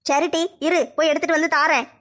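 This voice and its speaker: A woman's voice: high-pitched, level tone, a bit bright, pitched below the performer's own voice. A woman voicing a bossy, scolding older mother-in-law in a comedy skit. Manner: brisk, scolding.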